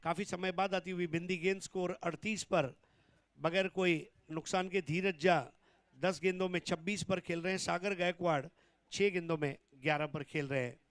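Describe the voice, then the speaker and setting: A man delivers excited cricket commentary as the play-by-play caller. His voice is high-pitched and clear, with very little room sound. He stretches his words out when calling the big shots. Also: normal speed, no room sound.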